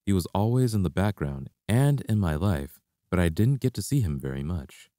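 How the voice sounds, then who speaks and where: Deep, mellow man reading a memoir. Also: moderate pace, no echo, clean studio sound. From Canada. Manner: reflective, steady storytelling. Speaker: martial arts instructor. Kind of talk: reading a personal memoir aloud.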